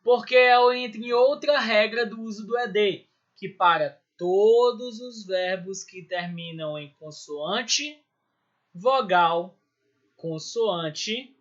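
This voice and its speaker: High, bright-voiced Brazilian teacher. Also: male voice, muffled recording. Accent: Brazilian Portuguese. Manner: explains step by step, checking in with "certo?" and "beleza?". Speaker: English teacher. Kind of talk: recorded school lesson.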